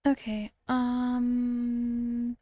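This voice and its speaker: A woman's voice: on the high side, monotone, extremely slow, lo-fi sound. A tired, sleepy-sounding woman hosting a casual voice call, hesitant and full of ums and restarts. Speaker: video creator hosting a call.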